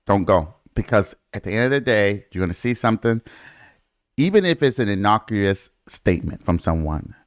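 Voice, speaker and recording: A man's voice: on the low side, lively intonation, normal speed, dry recording, clean studio sound. A man hosting a casual true-crime podcast, blunt and opinionated, acting out quotes in his speech. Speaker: podcast host.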